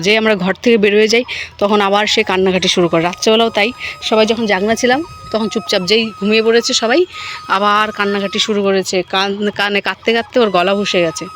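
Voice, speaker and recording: A woman's voice: mid-range voice, fairly bright tone, slight background noise. A woman chatting casually to the camera in a home vlog, talking to her child and a goat as she goes. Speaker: vlogger.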